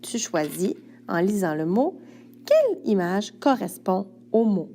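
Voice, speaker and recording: A woman's voice: medium pitch, sing-song, unhurried, mellow, a little hiss or hum. A woman teacher with a Quebec French accent, patiently giving a young pupil step-by-step instructions for a worksheet. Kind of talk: recorded classroom instructions.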